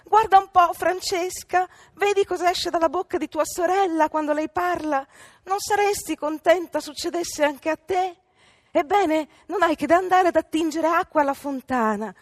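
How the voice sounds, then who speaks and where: A woman voicing a shrill, scheming older mother in a storybook reading, exclaiming in a high voice. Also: moderate pace, no echo, clean studio sound. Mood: coaxing.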